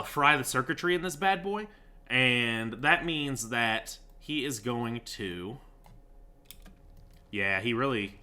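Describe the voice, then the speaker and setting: Dude narrating his game, super bright voice, bouncy pitch, goofy sarcastic chatter. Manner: joking, sarcastic, lots of fillers. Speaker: gaming YouTuber. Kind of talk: casual gameplay commentary.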